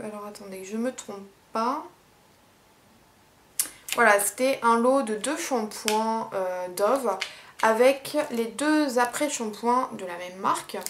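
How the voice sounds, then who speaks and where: A young woman chatting casually in a haul vlog, unhurried, with many fillers. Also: a little high, slight background noise. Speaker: beauty vlogger.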